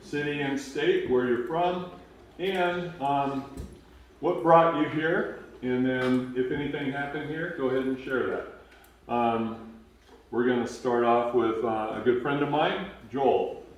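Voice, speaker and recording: A man's voice: mid-range voice, slow pace. A man hosting a morning session, introducing speakers in a plain, friendly way with some fillers. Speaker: event host. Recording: very echoey, distant mic, faint noise.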